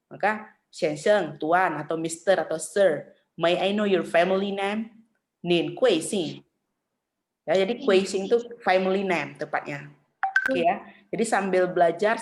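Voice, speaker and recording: Her voice lowish, a middle-aged woman runs an online Mandarin lesson in a patient, chatty way, slowing down on each tone so the students can imitate it.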